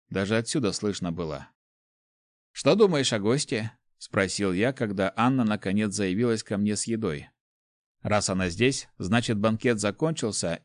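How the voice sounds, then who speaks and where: A man with a low voice narrates a fantasy story in the first person, steady and measured. The sound is dry and close, with no room echo at all.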